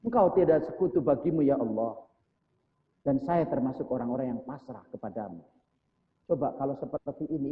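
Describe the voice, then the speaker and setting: Preacher, man, mosque sermon; chants prayer lines then explains them; thin phone-like sound. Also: a little high. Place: mosque hall. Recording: echoey mosque hall over tinny phone-like sound.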